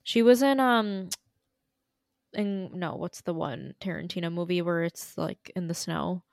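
A woman's voice: fairly low pitch, a little slow, vocal fry, no echo, studio quality. A young woman co-hosting a podcast, chatting in a giggly, offhand way. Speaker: podcast co-host. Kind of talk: casual chat.

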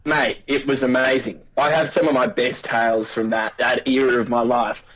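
A man's voice: medium pitch, fairly even intonation, moderate pace, fairly bright tone, lo-fi sound. An Australian man, a guest actor, telling stories in casual, sweary, laughing chat. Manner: laid-back storyteller, sweary, laughs often.

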